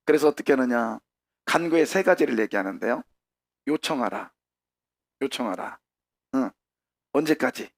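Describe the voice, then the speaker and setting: A middle-aged man preaching a sermon as pastor, animated, with sudden shouted peaks, and acting out prayers in a conversational voice. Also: mid-range voice, moderate pace, gravelly, long pauses, no room sound. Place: church sanctuary.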